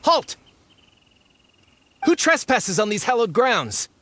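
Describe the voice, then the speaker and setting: A man playing a gruff, officious sentry in a video game, speaking in a challenging, declamatory way. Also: extremely high pitch, big pitch swings, slow pace, a bit bright, exaggerated voice. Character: gruff, officious male guard on sentry duty. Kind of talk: video game dialogue acting.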